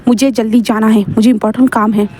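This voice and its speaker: A woman's voice: on the high side, level tone, fast, dark tone, lightly acted. A woman voicing a cold, stern male teacher who is secretly a mafia boss, speaking in curt commands.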